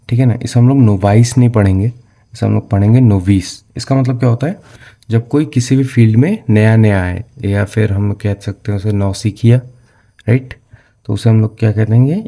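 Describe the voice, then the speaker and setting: A man's voice: fairly low pitch, gravelly, mellow. A young man teaching exam vocabulary, mixing in English terms and often asking a question and then answering it himself. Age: young adult. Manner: asks questions, then answers them; frequent "theek hai na"; mixes English words into his speech. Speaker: vocabulary tutor. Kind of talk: explaining vocabulary for exam prep.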